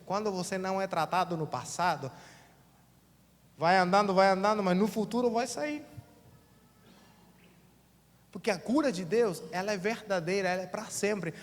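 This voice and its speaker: A man with a Brazilian accent preaching a sermon as pastor in a church, colloquial and acting out quotes in different voices. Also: high voice. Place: church sanctuary. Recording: long church reverb.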